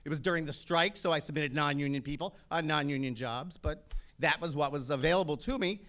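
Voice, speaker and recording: A brash man in his fifties holds forth on a panel, animated and full of comic asides. His voice sits a little high for a man. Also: brisk. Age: 50s. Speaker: actor on a panel. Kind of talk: panel talk to an audience.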